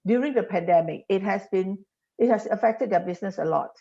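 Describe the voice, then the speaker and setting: On a dull, lo-fi podcast recording, an industry guest from Singapore explains her points, stacking examples and frequently starting over. She has a medium-pitched, gravelly voice with a dark tone and speaks briskly.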